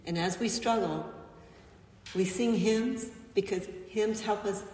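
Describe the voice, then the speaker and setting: A woman pastor giving a gentle, reflective sermon with frequent pauses, recorded in a church sanctuary from a distant mic. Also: mid-range voice. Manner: gentle, reflective, pausing often. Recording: echoey church, mic far off.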